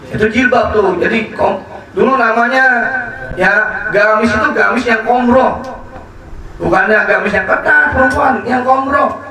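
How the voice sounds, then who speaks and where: A man's voice: high-pitched, gravelly. A man preacher giving a sermon, telling stories with humorous asides. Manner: animated storytelling with humorous asides. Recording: echoey hall from far off with crowd.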